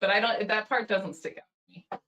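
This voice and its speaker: A woman's voice: medium pitch, normal speed, sharp tone, muffled recording. Chatty woman on an echoey call. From California. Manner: chatty, upbeat storytelling. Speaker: guest speed puzzler. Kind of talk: casual video call chat.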